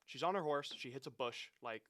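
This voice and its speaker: A man in his twenties co-hosting a podcast, talking casually with wry, animated jokes. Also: mid-range voice, brisk. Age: 20s. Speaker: podcast co-host. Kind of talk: casual chat.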